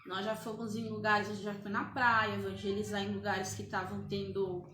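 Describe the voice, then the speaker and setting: A woman's voice: medium pitch, level tone, moderate pace, reverberant, background noise. A woman evangelist giving a church testimony, hesitant and full of fillers and restarts.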